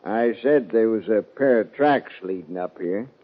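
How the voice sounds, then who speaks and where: On a thin, narrow-band old radio recording, a man with a lowish voice acts in a 1950s western radio drama as a folksy, plain-spoken sheriff. He sounds suspicious, drawling his phrases deliberately.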